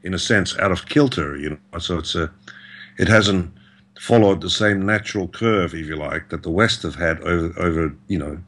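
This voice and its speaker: Deep-voiced reflective man. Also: moderate pace, a bit bright. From Australia. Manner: reflective, hesitant, many "you know" fillers. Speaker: guest artist. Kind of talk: conversational interview answer. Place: indoors in Beijing. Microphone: video call.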